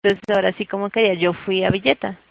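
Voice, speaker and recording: A woman teaches a class, explaining each step patiently and pausing often to check that her student follows. Her voice has a gravelly, fry-tinged edge. The recording sounds dull and lo-fi. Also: medium pitch, steady tone, slight background noise. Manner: patient, keeps checking understanding. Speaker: English teacher.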